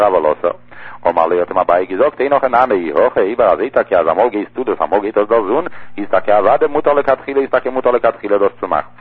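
In a text-study lesson on religious law, a man speaks quickly in a husky, fairly low voice and keeps repeating key phrases. The recording sounds thin and tinny, as if over a phone.

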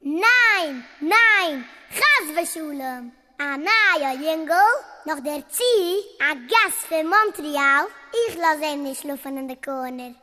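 A woman's voice: high voice, expressive, slow, bright, forceful tone, long reverb tail, full character voice. A woman voicing an eager, caring young camp girl who fusses over a guest.

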